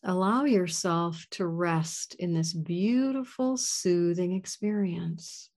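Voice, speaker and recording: A woman leading a guided gratitude meditation in a soft, soothing voice. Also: lowish voice, slow pace.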